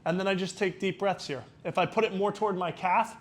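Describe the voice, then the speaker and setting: A man guiding exercises as a mobility instructor, explaining each step in a careful, unhurried way. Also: sits high, fairly even intonation.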